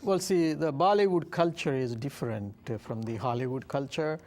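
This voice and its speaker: A man from India with an Indian English accent and Telugu as his first language, hosting a casual interview in a chatty, halting way. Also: mid-range voice, a little mellow. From Andhra Pradesh, India. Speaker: interview host.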